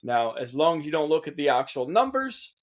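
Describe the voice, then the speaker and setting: Man, podcast co-host, sarcastic, slightly high voice, casual satirical news chat. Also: sing-song, brisk. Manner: sarcastic, laughs often, mocking asides.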